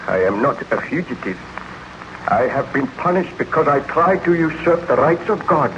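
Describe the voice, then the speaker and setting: A man's voice: fairly high pitch, animated, normal speed, lightly acted. An actor playing a remorseful baron and scientist confessing his crimes, declaiming solemnly in 1930s radio horror style. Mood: urgent, grave. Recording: dull, noisy old 1930s radio recording.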